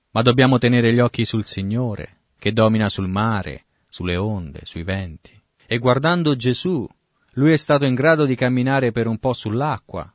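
A man's voice: on the low side, dry recording, dull audio. A man preaching a sermon, reading scripture and explaining it, now and then acting out the quoted lines. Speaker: pastor. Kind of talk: sermon, Bible exposition.

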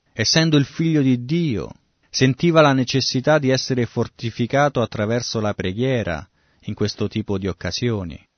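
A man's voice: fairly low pitch, dry recording, muffled recording. A man preaching a sermon, reading scripture and explaining it, now and then acting out the quoted lines. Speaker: pastor. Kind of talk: sermon, Bible exposition.

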